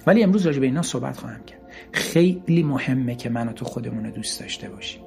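A man's voice: medium pitch, animated, gravelly, a little mellow, faint music behind. A man giving an earnest motivational talk, driving his points home with repeated, emphatic lists. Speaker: motivational speaker.

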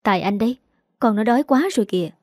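A woman voicing a shy young wife and mother who gently scolds her husband. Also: on the high side, animated, quick pace, dry recording, clean studio sound. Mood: scolding.

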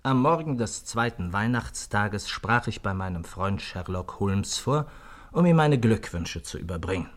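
An actor playing Doctor Watson, a friendly adult companion, narrating and talking in a 1960s German radio play with a slightly hesitant manner. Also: male voice, fairly low pitch, animated, unhurried.

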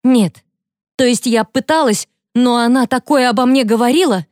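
A woman's voice: fairly high pitch, steady tone, moderate pace, darkish tone, no room sound, clean studio sound, voice pushed up, lightly acted. A woman voicing a frightened teenage girl who pleads in a raised voice. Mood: frightened pleading.

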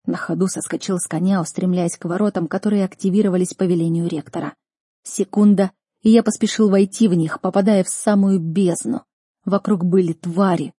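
A woman narrating a first-person audiobook in an earnest, expressive manner. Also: mid-range voice, husky, dry recording, clean studio sound.

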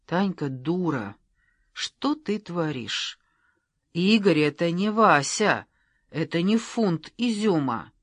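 A woman's voice: lowish voice, animated, slow pace, slightly rough, no room sound, exaggerated voice. Fierce scolding older sister, close dry voice, a reader doing her. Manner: sharp, scolding. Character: protective, hot-tempered older sister.

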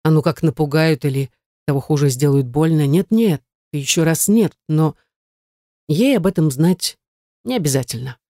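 An audiobook narrator reading a novel in an even, steady storytelling manner. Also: mid-range voice, normal speed, no room sound, clean studio sound.

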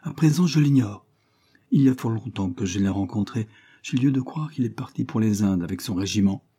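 A man's voice: fairly low pitch, a little fast, dark tone, slightly rough. A man voicing a passionate young woman in an audiobook, given to pleading, sobbing outbursts. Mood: guarded.

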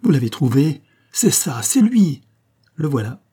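A man doing an excitable French minister. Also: medium pitch, moderate pace, slightly rough, close to an everyday voice. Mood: elated. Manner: emphatic, raised and agitated. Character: excitable male government minister, anxious then overjoyed. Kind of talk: audiobook character reading.

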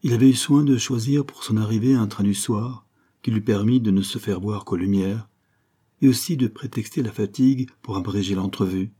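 Low, husky male audiobook narrator. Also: moderate pace, dark tone. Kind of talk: scripted narration of a classic novel.

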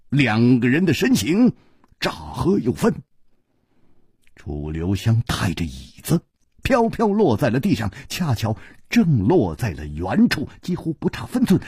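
A male storyteller narrates a wuxia tale with theatrical flair. His husky voice sweeps dramatically up and down at a slow, deliberate pace. The recording is dry and close. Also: mid-range voice, darkish tone, dry recording. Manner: theatrical, with sweeping rises and falls.

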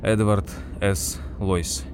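A man reading an audiobook, voicing a panicked shopkeeper who shouts frantically in a high, cracking voice. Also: level tone, extremely slow, noisy background. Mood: shaken. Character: panicked middle-aged male shopkeeper.

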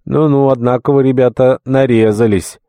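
A man's voice: on the high side, expressive, moderate pace, creaky, mellow, no room sound, pitched above the performer's own voice. A man voicing a cheerful official in an audiobook reading, asking breezy, jovial questions.

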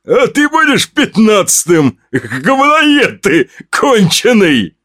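A man voicing a gleeful bearded axe murderer who gloats in slow shouts. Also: high-pitched, huge pitch swings, pitched above the performer's own voice, full character voice. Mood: gloating.

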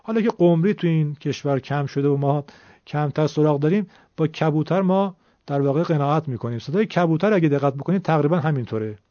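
Man, middle-aged, recitation teacher, patient explainer, slightly high pitch, muffled lo-fi recording. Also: no room sound. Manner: patient, demonstrates sounds slowly. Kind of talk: explanatory lesson. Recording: dull lo-fi recording.

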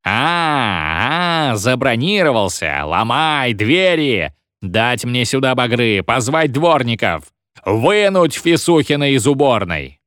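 A man's voice: medium pitch, sing-song, slow pace, fairly bright tone, no echo, clean studio sound. A man voicing a furious, bellowing male school headmaster who rants and threatens. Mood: raging. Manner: roaring, ranting, threatening.

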